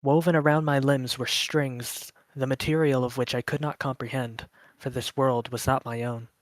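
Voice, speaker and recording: A man voicing a mysterious otherworldly observer in a slow, solemn prologue narration. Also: mid-range voice, little pitch movement, no echo, natural voice.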